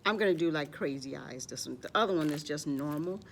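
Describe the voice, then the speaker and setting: A woman with a low, gravelly voice speaks fairly quickly over slight background noise. She hosts a children's library storytime, telling stories and showing crafts to young children while often calling herself by name in the third person.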